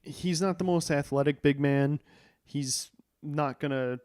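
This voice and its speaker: A man co-hosting a podcast, chatting in a relaxed, amused way. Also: a little high, measured pace. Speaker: podcast co-host. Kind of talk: casual chat.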